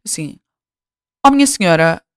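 A woman's voice: lowish voice, animated, moderate pace, clean tone, dry recording. A young woman from Portugal chats through a podcast monologue in her European Portuguese accent. She is self-mocking and casual, and she acts out other people's voices. The recording is dry and close, with no room sound. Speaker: podcast host.

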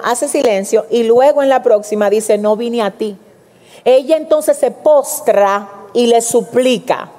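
Woman preacher, animated sermon delivery, higher voice, big reverberant church hall. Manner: animated, addresses congregation directly, acts out quotes.

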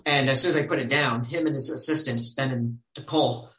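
Man, podcast guest, animated storyteller, bright tone, echoey room. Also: medium pitch, a little fast. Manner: animated, quotes others in lively voices. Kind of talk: casual storytelling.

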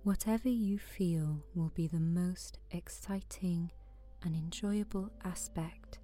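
A woman guiding a sleep meditation in a soft, soothing voice that often drops to a whisper. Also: lowish voice, slow pace, faint music behind. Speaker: meditation guide.

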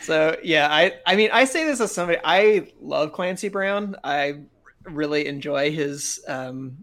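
A man's voice: fairly high pitch, animated, unhurried, fairly bright tone. A man co-hosting a casual podcast chat, cracking dry jokes with chuckles. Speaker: podcast co-host.

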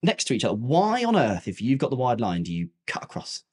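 Lively, laughing man co-hosting. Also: medium pitch, brisk, slightly rough. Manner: jokey, teasing, laughs often. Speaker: podcast co-host. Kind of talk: casual chat.

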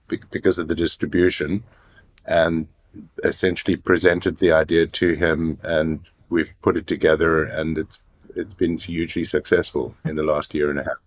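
Man, 60s, born in South Africa, very low voice, measured podcast interview answers. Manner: measured, plain-spoken, with small restarts. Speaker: guest, art residency founder.

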